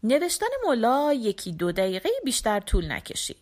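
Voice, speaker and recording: A woman narrating a children's folk tale audiobook in an expressive, animated storytelling manner. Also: fairly high pitch.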